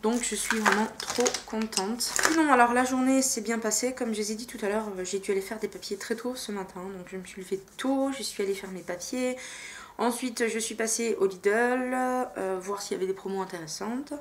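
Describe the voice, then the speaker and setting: A woman's voice: mid-range voice, normal speed. A woman vlogger chatting casually and enthusiastically about her makeup purchases, with lots of fillers and hesitations. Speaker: beauty vlogger. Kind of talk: casual vlog chat.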